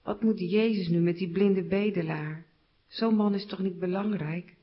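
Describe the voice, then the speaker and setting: A woman's voice: on the low side, steady tone, normal speed, husky. A woman voicing a dismissive crowd of townspeople who grumble about a beggar. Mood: grumbling. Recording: slightly dull recording.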